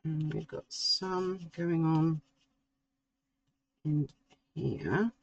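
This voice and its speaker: Unhurried art tutor, a woman, gravelly and musing aloud as she works. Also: sits low, dull audio, slight background noise. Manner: slow, musing, talks to herself while drawing. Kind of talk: relaxed painting tutorial.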